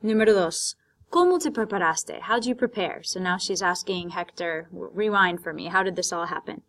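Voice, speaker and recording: A woman's voice: fairly low pitch, steady tone, moderate pace, fairly bright tone. A woman teaching Spanish vocabulary, patiently explaining words in Spanish and English. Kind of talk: vocabulary lesson, bilingual.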